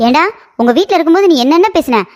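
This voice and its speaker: A woman's voice: very high-pitched, lively intonation, racing, noisy background. A woman voicing a quarrelsome, scolding middle-aged mother in a comic cartoon. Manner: scolding, taunting.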